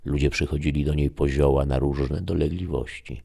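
Deep gravelly male storyteller. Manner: measured, steady reading. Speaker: narrator. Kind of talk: storybook narration.

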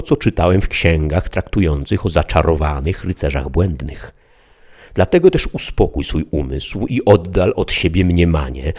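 A proud, deluded knight declaims in grand, archaic phrases, as a man reading an audiobook voices him. His voice is deep and low. It stays close to the reader's own storytelling voice. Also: darkish tone. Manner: lofty, archaic, declamatory speech. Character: deluded proud knight-errant, older man, solemn and lofty.

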